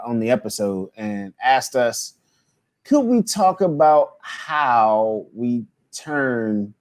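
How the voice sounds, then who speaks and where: A man in his thirties hosts a casual podcast chat. He talks in a loose, rambling way, full of fillers and restarts. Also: mid-range voice. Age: 30s. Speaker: podcast host.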